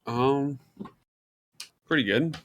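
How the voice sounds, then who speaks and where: A man's voice: medium pitch, extremely slow, lo-fi sound. A man on a voice call with a friend, chatting casually, bickering and frustrated with his game. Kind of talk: casual chat over voice call.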